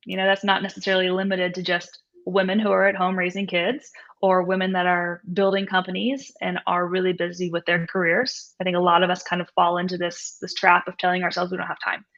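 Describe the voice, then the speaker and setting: Her voice is lowish and fairly bright, her delivery flat and fairly quick: a woman in her 30s or 40s, interviewed as a nutrition coach. She answers conversationally and explains things, regularly dropping in "right?" and "you know", on dull, lo-fi audio.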